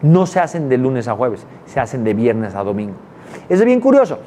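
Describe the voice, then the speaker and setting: A man teaching a course, talking emphatically, repeating words for stress and checking in with quick tag questions. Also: mid-range voice, sing-song, dark tone, slight background noise. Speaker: business culture instructor. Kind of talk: explanatory talk to students.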